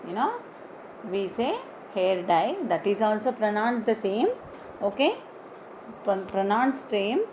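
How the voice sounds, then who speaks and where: A woman teaching an online English lesson, slowly spelling out words letter by letter and repeating them. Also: mid-range voice, lively intonation, noisy background.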